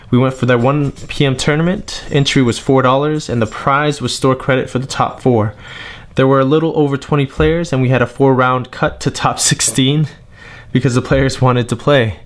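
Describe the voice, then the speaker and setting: Young guy vlogging, annoyed rant, mid pitch, then rattles off a card list kinda flat. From New England, US. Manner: frustrated, complaining, then listing cards flatly. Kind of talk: monologue rant and tournament report.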